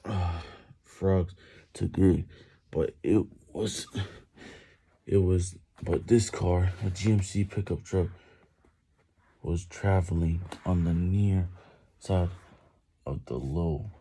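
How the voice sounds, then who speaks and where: A man reads a story aloud in the middle of push-ups, in a low, very dark voice. The delivery is slow and effortful, with sighs, halting phrases and repeated words. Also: slight background noise. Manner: strained reading while doing push-ups, breaking off and repeating words. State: exerting himself, sighing between phrases. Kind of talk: reading a novel aloud.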